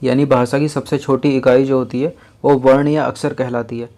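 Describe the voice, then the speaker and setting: A man teaching a lesson in an explanatory classroom style, repeating each point slowly and counting items aloud. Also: mid-range voice, flat delivery, warm tone.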